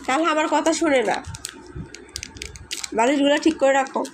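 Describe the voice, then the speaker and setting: Hoarse high-voiced mother. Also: moderate pace, background noise. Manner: chatty, talks to viewers and coaxes her small children. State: hoarse from a cold. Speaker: mother vlogging at home. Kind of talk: casual home vlog. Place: home indoors.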